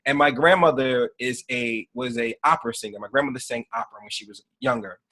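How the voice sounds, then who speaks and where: A man in his thirties, a podcast guest and author, telling a story earnestly in a conversational interview, often trailing off softly. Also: mid-range voice, quick pace. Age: 30s.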